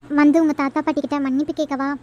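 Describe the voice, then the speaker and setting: Picture a timid young village sweetheart from a cartoon, voiced by a woman, her voice very high and light. She talks softly and with hesitation, always a little worried. It is plainly cartoon voice acting. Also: level tone, fast talker, lo-fi sound, natural voice. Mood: anxious. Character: shy anxious young village woman in love.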